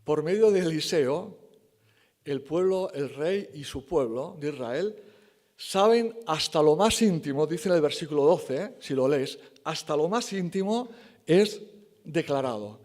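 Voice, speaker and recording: A man's voice: a little high, expressive, a little slow, a little mellow. A man preaching a sermon in church, emphatic and conversational, correcting himself and acting out the quoted lines.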